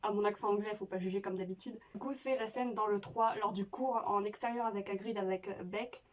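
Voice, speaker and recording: A woman's voice: mid-range voice, steady tone, fairly quick. Chatty woman vlogger, a bit off-mic. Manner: chatty, rambling, self-justifying with frequent restarts. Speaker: YouTuber playing a quiz game. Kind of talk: casual reaction chat. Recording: voice a bit distant from mic with faint noise.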